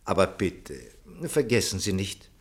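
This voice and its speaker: An actor in a German radio play portrays a servile, ambitious minister who schemes behind an obsequious, theatrical manner. His voice sits low and moves a little slowly, carrying a sly, plotting mood.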